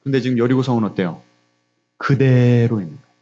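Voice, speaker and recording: A man's voice: medium pitch, fast talker, warm tone, highs cut off, soft background music. A middle-aged man preaching a sermon as pastor, pressing the congregation with repeated questions and emphatic rises. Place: church sanctuary, also streamed on video call.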